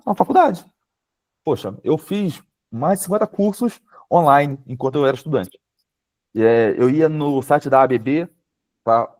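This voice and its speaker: A man in his late twenties with a Brazilian Portuguese accent gives advice in a relaxed, chatty way. His voice is mellow and warm, sitting at an ordinary middle pitch. He talks over a video call, filling pauses with casual tags. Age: late 20s. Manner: informal, frequent fillers like "sabe?" and "tipo". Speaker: guest speaker, power systems engineer. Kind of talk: webinar talk, casual advice. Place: home, remote video call.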